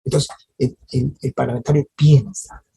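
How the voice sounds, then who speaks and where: Here the workshop lecturer has a medium-pitched voice that's creaky, warm and slightly rough, with fairly even intonation and a moderate pace. Teaching a parliamentary training session, they draw listeners in with tag questions but frequently restart mid-phrase and repeat words hesitantly.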